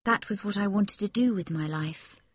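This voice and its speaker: A man voicing an earnest, gentle young woman, speaking softly and seriously in a raised voice. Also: high voice, moderate pace, breathy edge, voice pushed up.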